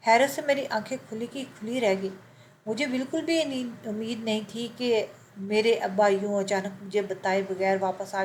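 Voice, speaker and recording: A woman telling a scripted first-person moral story in a steady, even storytelling manner. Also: mid-range voice, a little hiss or hum, poor audio.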